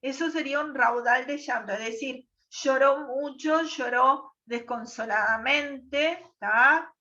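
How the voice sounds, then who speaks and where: A woman's voice: high-pitched, slow, bright, forceful tone, recorded from a distance, highs cut off. A woman teacher, patiently explaining a text to a class and checking in with short questions. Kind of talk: online class lesson.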